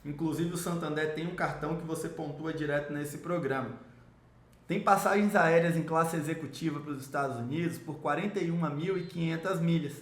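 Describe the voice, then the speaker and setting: A man's voice: fairly quick, a bit bright. A man from Salvador, giving an enthusiastic, salesy explainer on travel rewards and speaking straight to the viewer. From Salvador, Brazil. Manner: enthusiastic salesy pitch, addresses viewer directly. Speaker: miles and travel rewards coach. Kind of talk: promotional explainer video. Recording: roomy echo.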